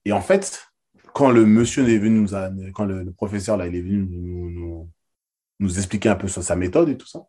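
A man with a low, dark, husky voice tells stories casually. He is a former basketball player who talks loosely and emphatically, with lots of slang and repeated words. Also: brisk. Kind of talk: casual storytelling.

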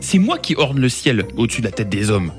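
A woman doing boastful Blue, low and proud. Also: very animated, brisk, faint music behind.

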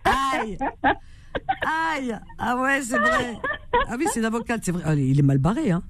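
A woman from Algeria hosting a radio call-in show in casual chat, lively and teasing, laughing often. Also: fairly high pitch, normal speed, background noise.

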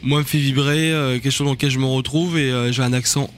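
A man's voice: medium pitch, fairly even intonation, fast talker, soft background music. A man with an accent from France chatting casually as a guest in a radio interview, often searching for words and using slang. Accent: French from France. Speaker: band singer and lyricist, interview guest.

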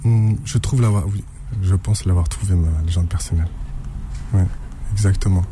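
A low, mellow male voice from France, talking as an interview guest. He speaks haltingly, pausing on fillers and restarting his sentences. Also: fairly even intonation, a little hiss or hum. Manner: hesitant, many fillers and restarts. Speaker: author guest. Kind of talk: radio interview.

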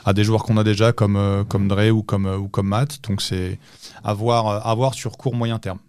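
A man who is an assistant basketball coach, giving measured, explanatory answers in a podcast interview with touches of dry humor. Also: lowish voice, flat delivery, darkish tone, clear, resonant tone, no room sound.

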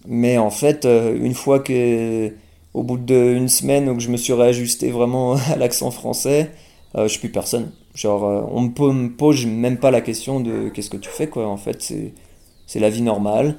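Here a young Frenchman who writes and sings his own songs is interviewed, talking at a normal rate. He sounds warm and low with a creaky fry, often faltering with fillers and fresh starts, but remains calm and mellow.

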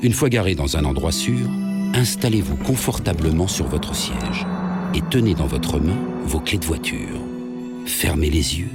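A drowsy male sloth, voiced by a man, gives soothing road tips in an ad voice-over. The voice is very deep, yet it rolls up and down with lively swings. The delivery stays calm and unhurried. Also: loud music behind the voice, exaggerated voice.

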